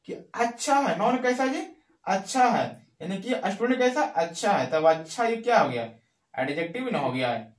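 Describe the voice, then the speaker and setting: High-voiced man teaching grammar, echoey. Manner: repeats key phrases slowly, asks and answers own questions. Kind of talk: classroom-style grammar lesson in Hindi. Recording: echoey room.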